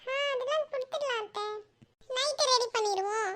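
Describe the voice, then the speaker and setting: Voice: very high voice, moderate pace, a bit bright. A voice actor playing a cartoon schoolboy who frets about his exam results, with worried muttering asides. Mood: bluffing. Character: anxious schoolboy fretting over exam results. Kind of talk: cartoon voice acting.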